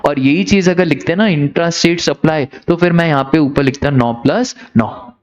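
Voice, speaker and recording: A man teaching a class, lively and teasing, telling joking stories and acting out the characters. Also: on the high side, moderate pace, dull audio.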